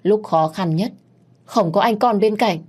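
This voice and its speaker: A woman's voice: mid-range voice, unhurried, darkish tone, slightly rough, pitched above the performer's own voice. Woman voicing an indignant young daughter. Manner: indignant, pressing. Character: young woman, sharp-tongued, protective daughter.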